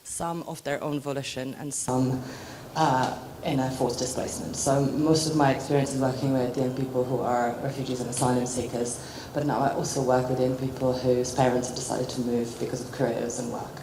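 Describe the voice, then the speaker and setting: A woman's voice: very deep voice, level tone, fairly quick, hardly any pauses. A woman from the Czech Republic with a London British accent, speaking as a psychotherapist in a group discussion with hesitant, reflective phrasing. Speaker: psychotherapist and audience contributor. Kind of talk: spontaneous comment at a group discussion. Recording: echoey room, background noise.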